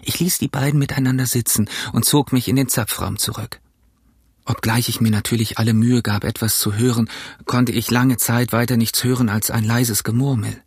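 A man narrates an audiobook with steady, measured storytelling. His voice is mid-pitched and husky, recorded dry and close with no room sound. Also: no echo. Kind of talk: audiobook reading.

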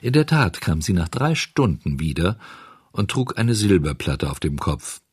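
Lively male storybook narrator. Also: deep voice, a little slow, husky, dry recording, studio quality. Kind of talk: audiobook storytelling.

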